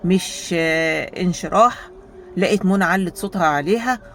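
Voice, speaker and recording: An Egyptian woman vlogger telling a story in a casual monologue, animated and rhetorical, often turning to her viewers with questions. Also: lowish voice, normal speed, slight background noise. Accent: Egyptian Arabic.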